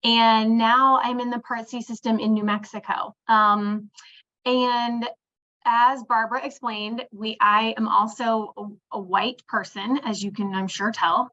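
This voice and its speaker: 40s woman from pittsburgh on a video call webinar, sharp bright voice, muffled sound. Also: fairly high pitch, fairly even intonation, slow. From Pittsburgh, United States. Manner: reflective, with frequent fillers and restarts. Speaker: webinar presenter. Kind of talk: presenting a professional webinar. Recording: dull lo-fi webinar audio.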